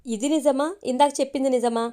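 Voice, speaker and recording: A woman's voice: on the high side, fairly quick, darkish tone, clear, resonant tone, natural voice. A woman reading as an earnest young man in love. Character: young man in love, jealous then relieved.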